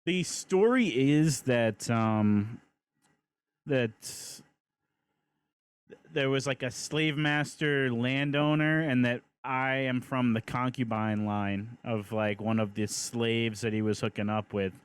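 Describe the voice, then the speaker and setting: A man's voice: medium pitch, slow, clear, resonant tone. A man co-hosting a casual podcast chat, talking in a laid-back, slangy way, recorded at home on a call. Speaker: podcast co-host.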